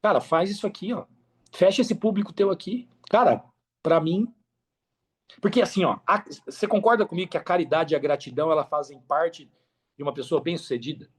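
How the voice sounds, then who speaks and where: On a podcast, a Brazilian man talks in a husky voice on the high side at a fairly quick pace. Conversational and earnest, he drives his motivational points home by repeating phrases.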